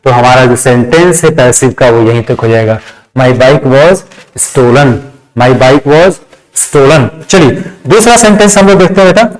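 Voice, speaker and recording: A man teaches a grammar lesson step by step in classroom style, repeating phrases and asking himself check questions. His mid-range voice is expressive and measured in pace. The recording is low quality.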